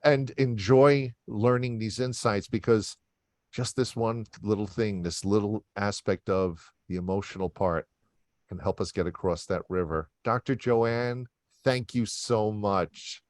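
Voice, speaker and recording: A man hosting an interview as a doctor, talking in an enthusiastic, animated way. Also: fairly low pitch, measured pace, no echo. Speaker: host, doctor. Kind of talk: conversational interview.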